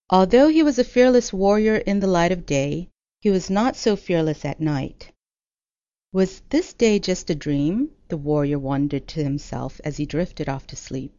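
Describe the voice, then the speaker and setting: A woman narrating a folktale in a measured, expressive reading. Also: on the low side, no room sound. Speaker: storyteller. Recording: dull lo-fi audio.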